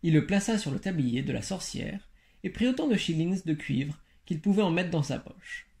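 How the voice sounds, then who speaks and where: A man reading a fairy tale aloud in a steady storytelling manner, with occasional slips. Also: on the high side, moderate pace, vocal fry. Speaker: reader.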